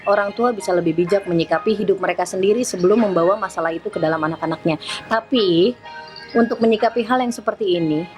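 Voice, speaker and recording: A middle-aged woman reads out her followers' questions and answers them with firm, parental advice in a casual Q&A vlog. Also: mid-range voice.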